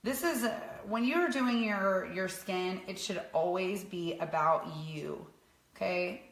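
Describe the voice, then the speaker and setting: A woman's voice: medium pitch, slow. A woman in her thirties demonstrating makeup at home, talking in a rambling, casual way to the ladies watching. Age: 30s. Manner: rambling, talks to viewers as ladies. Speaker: makeup artist co-host. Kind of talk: casual makeup demo chat. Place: sunny home room. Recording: echoey room.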